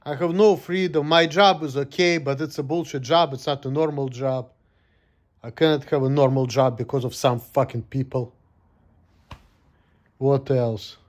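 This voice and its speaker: A man's voice: medium pitch, fairly even intonation, normal speed. A man in his thirties venting in a casual vlog monologue, gloomy and full of swearing. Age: 30s. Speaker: vlogger.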